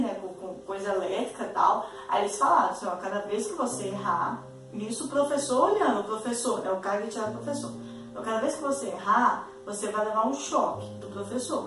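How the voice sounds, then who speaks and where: A woman tells a story in a loose, chatty way, with lots of fillers, and briefly acts out the people she quotes. Her voice sits high and sounds far from the mic. The room is very echoey, with faint music underneath. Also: fairly bright tone. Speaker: host. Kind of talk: casual storytelling explainer.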